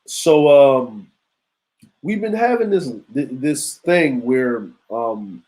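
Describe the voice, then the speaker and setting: A man's voice: medium pitch, animated, slow, darkish tone, poor audio. A man around forty hosting a live stream, talking loosely and conversationally with slang and asides to his chat. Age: 40s. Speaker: show host. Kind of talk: casual live-stream commentary.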